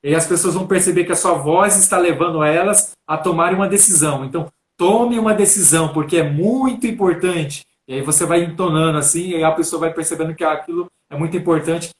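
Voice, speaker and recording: A Brazilian man, a coach, calmly explaining public speaking on a live stream and often tagging his sentences with a question. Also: fairly high pitch, fast, hardly any pauses, roomy sound. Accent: Brazilian Portuguese. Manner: calm, instructive, repeats "né?".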